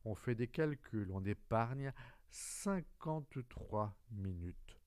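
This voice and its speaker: A man's voice: medium pitch, lively intonation, takes it slowly, darkish tone, dry recording. A man reading an audiobook, voicing a businesslike, persuasive merchant selling pills. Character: brisk salesman of thirst pills, businesslike.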